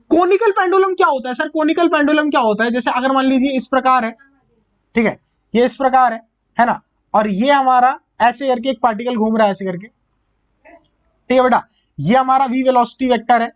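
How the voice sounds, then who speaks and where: Brief: male physics tutor, high voice, call-and-answer revision style, muffled lo-fi track. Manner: asks himself questions and answers them, calls students "beta" and "sir"; repeats key terms slowly, one word at a time. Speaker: physics teacher. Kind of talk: exam revision lecture. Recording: muffled lo-fi recording.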